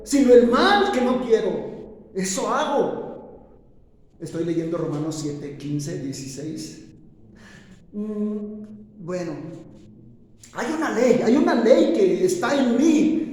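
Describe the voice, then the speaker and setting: A man preaching a sermon in a dramatic way, rising to loud emphatic lines and dropping low again. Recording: echoey church hall with long reverb.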